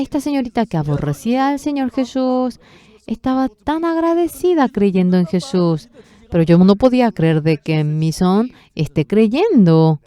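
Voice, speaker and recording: A woman's voice: mid-range voice, mellow. A woman interpreting a sermon, telling a story earnestly with emotional swells.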